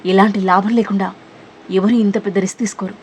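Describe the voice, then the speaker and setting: A woman's voice: mid-range voice, fairly even intonation, fast, a little mellow, slight background noise, close to an everyday voice. A woman voicing a defiant, suspicious young woman in a spoken romance story, firing off demanding questions.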